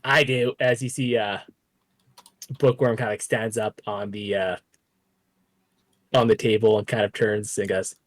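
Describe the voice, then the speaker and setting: A man narrating a tabletop game as game master, animated and casual, swearing freely. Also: lowish voice, unhurried, pauses often, no echo.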